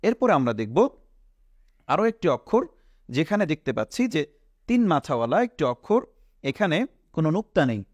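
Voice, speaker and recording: Male teacher, fairly high, lively voice, dry close recording, patient and quizzing. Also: a little fast, pauses often, no echo. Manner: patient, quizzing the viewers, stressing each letter name. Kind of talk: Quran alphabet lesson.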